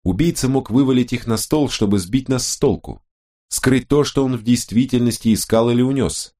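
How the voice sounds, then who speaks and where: A man voicing a brisk, businesslike woman detective who speaks precisely and officiously. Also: medium pitch, warm tone, pitched above the performer's own voice, close to an everyday voice.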